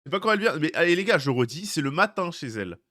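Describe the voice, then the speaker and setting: Rapid-fire and sing-song, this young man's fairly high voice has a sharp tone. While streaming live he chats loosely, greets his chat by name, teases viewers, and throws in jokey asides.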